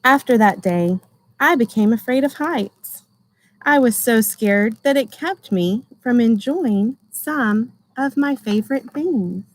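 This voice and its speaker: A woman voicing a gentle, anxious but determined egg, telling its own story in measured, expressive storybook narration. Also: on the high side, slight background noise, rough recording. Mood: wistful, fearful. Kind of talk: first-person storybook narration.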